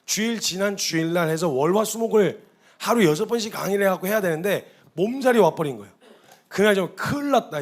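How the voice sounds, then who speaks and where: A man with a noticeably high voice delivers a testimony sermon as a missionary. His tone stays conversational and earnest, and he keeps confessing his own experience to the congregation in a church setting. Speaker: missionary preacher. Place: church hall.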